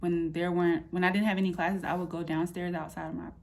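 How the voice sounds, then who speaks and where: Talking fast in a creaky, lowish voice, a vlogger of thirty shares what's new in her life from indoors in her apartment. She's candid and slangy, retelling things animatedly with quoted asides.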